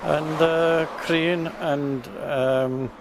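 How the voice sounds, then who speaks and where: An Irish man from Kerry with a Kerry accent, talking in a halting way with many ums and restarts in a casual interview outdoors by a river. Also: a little high, steady tone, background noise. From Tralee, County Kerry, Ireland. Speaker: local interviewee. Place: outdoors beside a river in a village.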